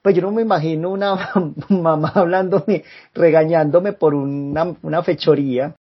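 A man's voice: on the high side, steady tone, moderate pace, husky, muffled recording. A man co-hosting a podcast, chatting casually and laughing often. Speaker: podcast co-host. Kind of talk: casual chat.

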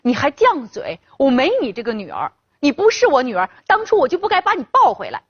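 A woman voicing a drunk, furious middle-aged father who shouts and scolds. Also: high voice, huge pitch swings, fairly quick, husky, exaggerated voice. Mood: raging. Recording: dull lo-fi, dry.

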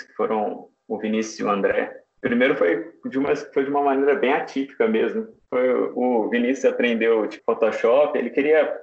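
A man talks as a guest, explaining casually. His voice is creaky, with plenty of fry, and the recording is roomy and dull. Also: mid-range voice. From São João del Rei, Minas Gerais, Brazil. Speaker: podcast guest, fan page editor.

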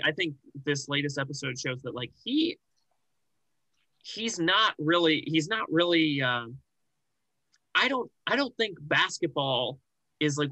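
A young man co-hosting a casual sports podcast, rambling and animated with many restarts and fillers. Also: on the high side, no room sound, rough recording. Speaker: podcast co-host.

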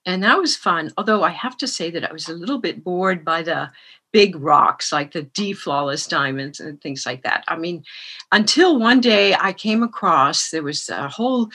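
A woman's voice: lowish voice, expressive, normal speed, pushed and bright, husky. A woman from France telling her story as a guest in an interview over a remote call, often laughing lightly.

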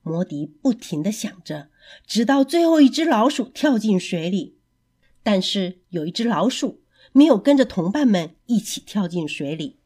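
A woman narrating a children's story in an expressive, animated way. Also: mid-range voice, normal speed, husky.

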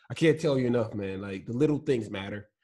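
Appearing as a guest in a casual interview, a Nigerian man whose first language is Igbo tells his story earnestly and easily, laughing between points. His mid-range voice is expressive and mellow, at a moderate pace.

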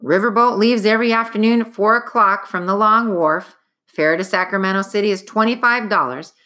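Woman playing a brisk hotel clerk. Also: mid-range voice, sharp tone, pitched above the performer's own voice, lightly acted. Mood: matter-of-fact. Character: bald, businesslike male hotel clerk.

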